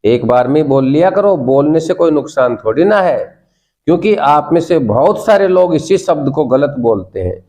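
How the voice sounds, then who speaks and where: A man's voice: a little high, expressive, normal speed, dark tone. Coaxing Indian male English teacher. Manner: coaxing, repeats prompts for the class to echo. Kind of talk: classroom lesson.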